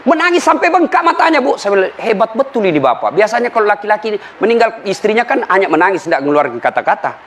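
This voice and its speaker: A man preaching a humorous sermon. He tells lively stories and acts out the voices of the people he quotes. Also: high voice, fast, few pauses, slight background noise. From Indonesia.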